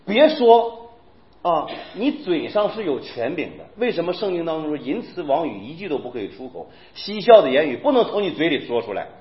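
High-voiced, animated preaching man. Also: brisk. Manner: animated, keeps asking listeners "you know?". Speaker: pastor. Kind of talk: lively sermon. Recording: echoey, dull lo-fi room recording.

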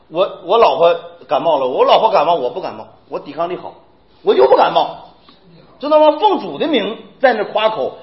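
A man pastor preaching a lively sermon, often asking his listeners whether they understand. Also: sits high. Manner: animated, keeps asking listeners "you know?". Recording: echoey, dull lo-fi room recording.

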